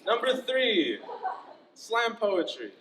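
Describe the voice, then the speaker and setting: A young man performing spoken-word poetry at a live club reading, dramatic and profane, with sardonic humor, swinging between loud outbursts and quiet intensity. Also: high-pitched, sing-song, slow, very noisy. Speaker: student poet. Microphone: stage microphone. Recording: roomy live room, picked up from a distance.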